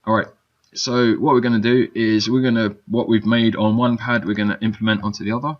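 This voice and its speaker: Low, chatty man with a dull lo-fi sound. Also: flat delivery, a little fast. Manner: chatty, loose, many fillers and check-in "yeah?"s. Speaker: game development teacher. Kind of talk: casual screen-recorded software tutorial.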